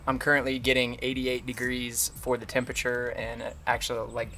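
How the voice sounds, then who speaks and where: A man's voice: medium pitch, monotone, a little fast, gravelly, pushed and bright, slight background noise. A man talking casually to camera in a vlog, tired and out of breath from a hard run, speaking with effort and emphasis. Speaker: running vlogger.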